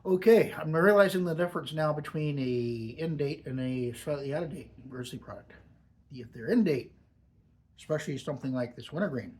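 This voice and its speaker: A man's voice: a little high, a little fast, a little mellow. A man giving a casual, off-the-cuff product review with a lip full of dip pouches, savouring and stressing his words as he goes.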